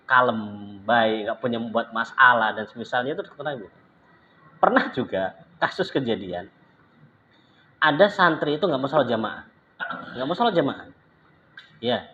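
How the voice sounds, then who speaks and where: A man giving an informal religious lesson, telling stories in a lively way and acting out what others said. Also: highs cut off, a little hiss or hum. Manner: animated storytelling, acts out quoted speech with pitch jumps. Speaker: religious teacher. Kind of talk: informal lecture with anecdotes.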